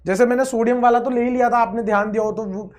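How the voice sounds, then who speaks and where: A man teaching a chemistry lecture with energy and playfulness. He stretches out words, chants repeated phrases, and swings between loud outbursts and quiet asides. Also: extremely high pitch, fairly even intonation, fast talker. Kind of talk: online exam-prep lecture.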